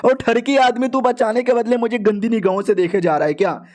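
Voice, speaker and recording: A man putting on a shrill furious young heroine. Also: fairly even intonation, fairly quick, darkish tone. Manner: indignant, scolding, shrieking.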